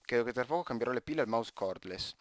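A man's voice: medium pitch, expressive, quick pace. A teenage man from Italy giving casual, rambling gameplay commentary, often stopping mid-word and joking to himself. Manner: rambling, self-interrupting, joking asides. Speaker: gaming YouTuber.

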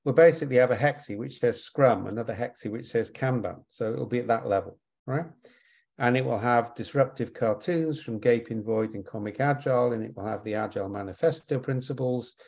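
Gravelly man explaining at length. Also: mid-range voice, fairly quick, darkish tone. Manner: explanatory, with frequent tag questions and repeated words. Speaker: invited expert answering audience questions. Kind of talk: webinar Q&A answers.

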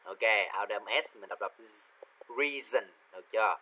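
A man with a Vietnamese accent teaching English vocabulary, saying each word slowly twice and then explaining in quick asides. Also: lowish voice, flat delivery, sharp tone, rough recording. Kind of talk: vocabulary pronunciation drill.

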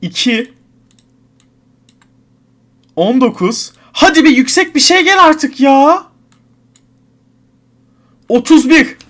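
A man's voice: very high-pitched, lively intonation, slow pace, pauses often, fairly bright tone. A man giving gameplay commentary at his computer, counting numbers under his breath and grumbling in frustration at an item. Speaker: online game streamer.

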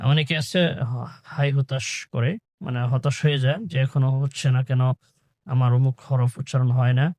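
A man teaching Quran pronunciation, chanting phrases slowly and then explaining in a quick, lower voice. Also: steady tone, a little mellow. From Bangladesh. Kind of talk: slow drawn-out recitation drills with quick spoken instructions.

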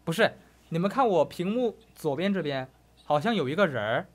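A young man plays through a horror game and jokes to his viewers that nothing scares him. His voice sits high and swings widely in pitch. He keeps up a running banter, addressing the audience the whole time. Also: expressive, fairly quick. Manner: joking, talks to viewers, claims not to be scared, yelps at scares. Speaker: gaming YouTuber. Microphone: headphones on, desk mic.

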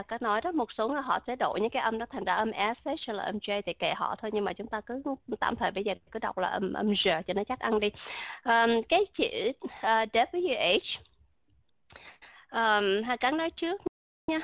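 A woman's voice: medium pitch, moderate pace, dry recording, dull audio. A woman teaching English pronunciation in an online lesson, explaining patiently with many fillers and checking that her students understand. Her first language is Vietnamese.

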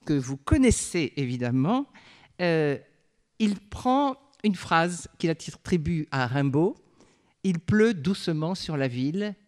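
A woman giving a university literature lecture in a measured, thoughtful way, pausing as she explains and reciting verse slowly. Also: low voice, a little mellow. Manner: measured, thoughtful, pauses often with fillers while explaining; recites poetry aloud in a slow, lyrical way.

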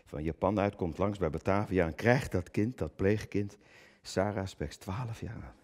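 A man performing a theatrical stage monologue, swinging from booming declamation to low muttered asides, often stammering and repeating words. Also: unhurried, darkish tone. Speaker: cabaret performer.

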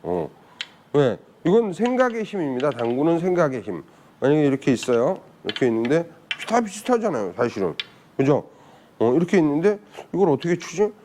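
Male billiards instructor, slightly high voice, very animated pitch, talks casually and keeps quizzing viewers. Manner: chatty, asks viewers rhetorical questions. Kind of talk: casual spoken lesson.

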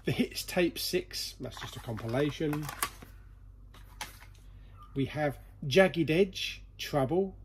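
Sorting through a collection in an indoor storeroom packed with boxes, a vlog host chats and jokes casually. His voice is on the high side with lively intonation, and he takes it slowly with long pauses, over background noise.

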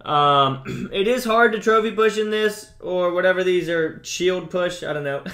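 A man's voice: high voice, a little slow, creaky, a bit bright. A young man giving chatty, upbeat commentary on a mobile game he is playing, with frequent fillers and restarts. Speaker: gaming YouTuber. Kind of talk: casual gameplay commentary.

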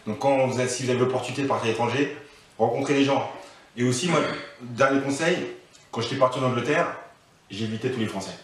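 The speaker is a man in his thirties with a mid-range voice who talks fast. As an interview guest on a couch in his living room, he gives casual, thoughtful advice peppered with restarts and fillers, captured by a faraway camera mic in an echoey space.

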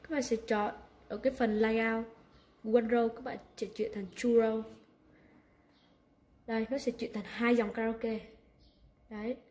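A woman giving an unhurried step-by-step software tutorial, often pointing things out with short "here, there" remarks. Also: on the high side, flat delivery. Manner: unhurried step-by-step instructions with frequent "đây, đấy". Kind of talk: screen-recorded software tutorial. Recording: echoey room, faint background noise.

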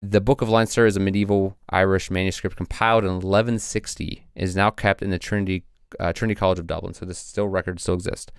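A man's voice: deep voice, level tone, quick pace, few pauses, smooth, dry recording, clean studio sound. A man co-hosting a casual podcast, reading passages from old texts with frequent fillers. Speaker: podcast co-host presenting research.

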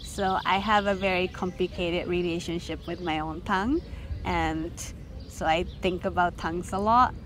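A young woman with a Japanese accent and a lowish voice is interviewed as a filmmaker guest at a festival, speaking at a moderate pace. She's lively, frank, and casual, using lots of fillers like "like" and "you know." Noisy ambience fills the background.

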